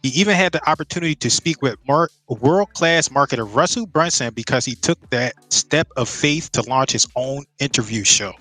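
A man's voice: medium pitch, lively intonation, normal speed, few pauses, pushed and bright, no echo, soft background music, rough recording. A man hosting a podcast, reading a scripted introduction and then asking questions, sometimes stumbling on words. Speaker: podcast host.

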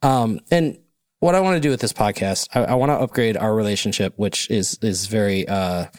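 A man hosting a podcast interview in a studio, chatting loosely and joking, with sudden jumps into a high voice. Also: a little fast, darkish tone, no echo. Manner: loose, rambling, jokey, with pitch jumping up high. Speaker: podcast host. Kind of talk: casual interview chat. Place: recording studio.

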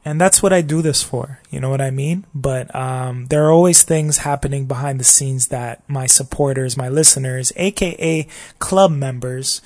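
Hosting a casual solo podcast, a man rambles reflectively and keeps asking "you know what I mean?" His voice is slightly scratchy, a little high and a little mellow.

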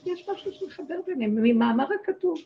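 A woman's voice: high-pitched, expressive, lo-fi sound, a little hiss or hum. A woman giving a religious lesson to a group, speaking emphatically in short, repeated phrases. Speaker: spiritual teacher.

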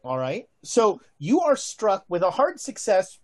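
A man improvising narration as game master of a tabletop game, thinking aloud in halting phrases. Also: sits high, huge pitch swings.

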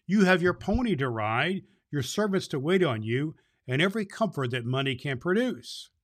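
Playing Santa Claus, a man hosts a children's show and reads stories, repeating words with affection and emphasis. His voice sits on the high side, very animated and a bit bright, at a moderate pace.

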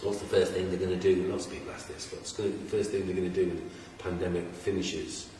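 An English podcast host chats in a casual interview, rambling enthusiastically and often restarting his sentences. His voice is deep and darkish, delivered flat and quick. The room is echoey, he's far from the mic, and there's slight background noise.

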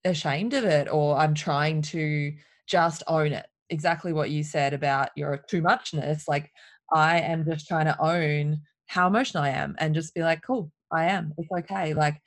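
A woman speaking openly and emotionally in a casual conversation, telling her story with lively candour. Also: sits low, no echo, studio quality. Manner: open, emotional, animated storytelling.

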